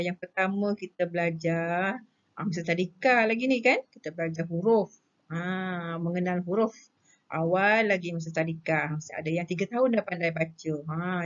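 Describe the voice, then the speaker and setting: Malaysian woman teacher, slow and deliberate. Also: on the low side. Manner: deliberate, lists terms one by one, poses and answers her own questions. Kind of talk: recorded grammar lesson. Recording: dull lo-fi recording.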